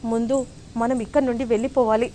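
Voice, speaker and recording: A woman's voice: on the high side, fairly even intonation, quick pace, warm tone, a little hiss or hum, natural voice. A woman voicing a scheming middle-aged mother who coaxes her daughter to flee. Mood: urgent. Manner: urgent, coaxing.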